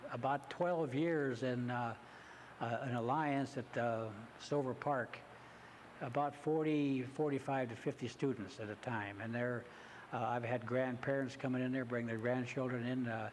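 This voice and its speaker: A man who teaches hunter education, answering interview questions in a halting way with many hesitations, in a community TV studio. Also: mid-range voice, steady tone, slight background noise.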